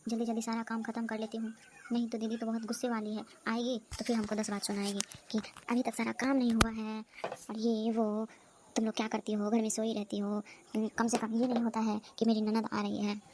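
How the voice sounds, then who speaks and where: A woman voicing an anxious, hardworking young housewife in a comedy cartoon, talking in hurried, worried chatter. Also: a little high, completely flat delivery, noisy background, natural voice. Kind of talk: cartoon voice acting.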